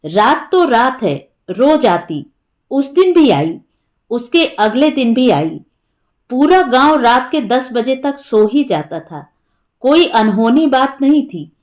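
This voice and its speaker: Slow, higher-voiced woman reading a story. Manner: calm, measured storytelling, voicing characters lightly. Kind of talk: scripted narration of a Hindi story.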